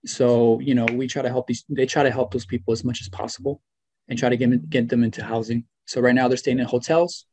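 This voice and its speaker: With a husky, darkish mid-range voice and a level tone, a former student in his twenties talks fairly quickly as a video call interview guest. He's in a small room at home on a webcam or laptop mic, with no room sound. He comes across earnest and often says "you know" and "right."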